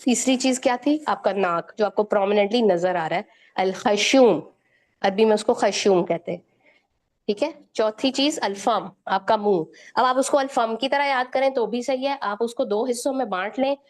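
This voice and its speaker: A woman gives a patient recitation lesson. Her voice sits a little high. She keeps asking her students questions and checks in with them after each point. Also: normal speed, a little mellow. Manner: repeats "theek hai" to check understanding, quizzes listeners with questions. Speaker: Quran recitation teacher.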